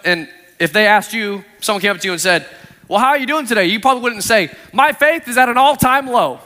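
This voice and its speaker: A man's voice: sits high, pushed and bright. A man preaching a sermon in an earnest, conversational way, quoting scripture to his congregation. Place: church sanctuary. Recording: long reverb of a church hall.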